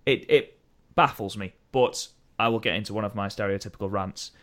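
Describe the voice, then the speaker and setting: A man's voice: fairly low pitch, brisk. Opinionated man chatting about wrestling. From United Kingdom. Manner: animated, opinionated, ranting. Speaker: podcast co-host. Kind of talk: casual wrestling chat.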